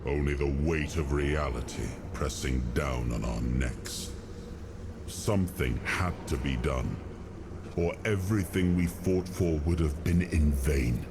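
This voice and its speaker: A man's voice: rumbling low, takes it slowly, noisy background, exaggerated voice. An actor playing a weary, burdened noble king in a video game cutscene, speaking with grave, solemn deliberation. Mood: somber, reflective. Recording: loud music behind the voice. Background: music.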